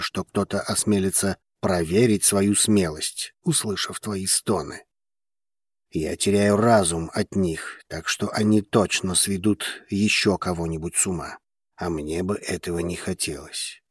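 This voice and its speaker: A man voicing a brooding, jealous grown man in an audiobook, with a low, slow, gruff murmur. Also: darkish tone, dry recording, studio quality. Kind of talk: audiobook character voice.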